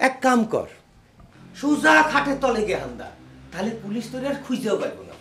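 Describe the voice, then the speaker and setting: A man's voice: very high voice, wildly swooping pitch, a little fast, a bit bright, slight background noise, full character voice. An actor playing a middle-aged, belligerent drunk village father in a comic TV drama, ranting sarcastically in a rural Bangladeshi accent. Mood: taunting.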